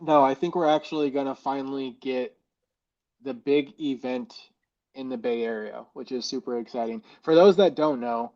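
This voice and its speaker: A man's voice: medium pitch, normal speed, mellow. A man co-hosting a casual chat in a rambling way, his voice hollow and muffled as if inside a fishbowl, recorded through a mic plugged into a phone. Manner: rambling, loose, heavy on "like" fillers. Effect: hollow muffled fishbowl sound. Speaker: co-host. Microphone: external mic plugged into a phone.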